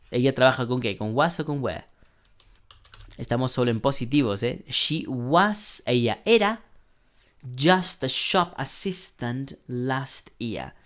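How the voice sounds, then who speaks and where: Slow, patient male English teacher. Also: mid-range voice, a bit bright. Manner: slow, patient explaining, modeling English sentences then translating; clears throat often. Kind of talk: online language lesson.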